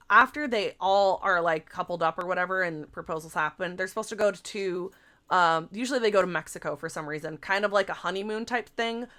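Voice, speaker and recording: A woman podcast co-host in casual chat, retelling a story in an animated, gossipy way, full of "like" and casual swearing. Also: mid-range voice.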